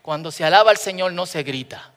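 Guy doing a strict old pastor telling the kids off, low and hushed, bright edgy tone, long echo from the church hall. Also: fairly quick. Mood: reproving. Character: stern older male pastor scolding the youth.

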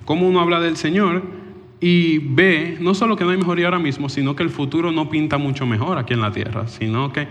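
A man delivers a sermon to a church congregation, his voice sitting a little high for a man. He preaches with lively, dramatic energy and often acts out back-and-forth dialogue. A long reverb from the large hall trails behind every phrase. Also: quick pace.

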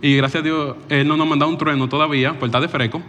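A man delivers a sermon to a church congregation, his voice sitting a little high for a man. He preaches with lively, dramatic energy and often acts out back-and-forth dialogue. A long reverb from the large hall trails behind every phrase. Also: very fast.

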